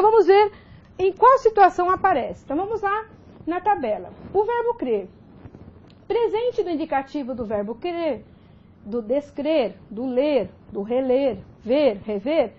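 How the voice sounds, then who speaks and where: A Brazilian woman gives a recorded grammar lesson, her high voice rising and falling with lively emphasis. She explains each point step by step and keeps checking in with short tag questions. The sound is a little dull and lo-fi. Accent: Brazilian Portuguese. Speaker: grammar teacher.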